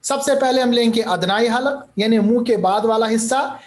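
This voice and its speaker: A man teaching Qur'anic recitation in a recorded lecture. He explains patiently, repeats each term, mixes in English words and sounds out letters slowly. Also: very high voice.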